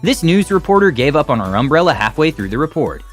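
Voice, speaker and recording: A man's voice: a little high, very animated, fast. A man reading scripted narration for a video compilation in an explanatory, lightly wry way. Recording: background music under voice. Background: music.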